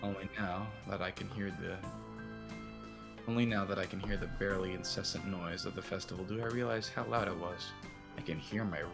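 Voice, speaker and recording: A man narrating a visual novel in a put-on cowboy drawl. His voice sits very low and has a gravelly edge, with faint music playing under the reading. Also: steady tone, fairly quick. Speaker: narrator and lead reader.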